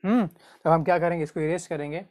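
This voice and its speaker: A man tutoring biology in an exam-prep lecture, repeating key terms slowly and asking questions that he answers himself. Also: fairly high pitch, fairly even intonation, a little mellow.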